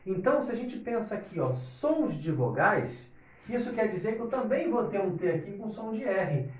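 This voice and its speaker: A man's voice: sits high, very animated, moderate pace, a little mellow, a little hiss or hum. A man teaching an English lesson to Portuguese speakers, explaining step by step and often checking in with his students. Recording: echoey room, distant from mic.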